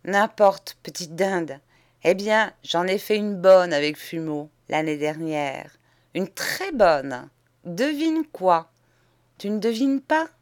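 A woman's voice: on the low side, lively intonation, takes it slowly. A woman voicing a cynical, spoiled young Parisian man with a drawling Paris accent, mocking and gleeful, in an audiobook. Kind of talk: audiobook character voice.

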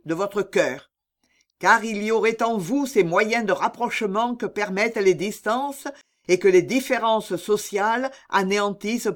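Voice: medium pitch, close to an everyday voice. A reader voicing an indignant male doctor who pleads passionately with a mother, in an audiobook reading. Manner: impassioned, pleading.

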